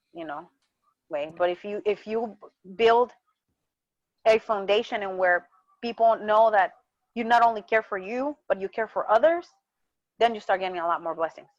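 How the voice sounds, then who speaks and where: During a relaxed interview, a wrestling champion from Mexico speaks passionately in a Mexican accent, frequently repeating words as she hunts for the right ones. She has a mid-range voice, captured with a dull, muffled, dry sound and no room ambience.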